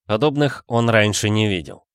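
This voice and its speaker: A man narrating a story in a steady, measured audiobook reading. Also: lowish voice, smooth, no room sound, clean studio sound.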